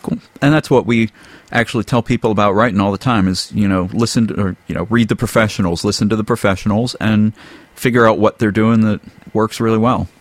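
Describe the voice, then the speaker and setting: A man's voice: on the low side, steady tone, brisk, no echo. A man hosting a casual podcast interview, asking questions in an easygoing way with plenty of filler words. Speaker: podcast host.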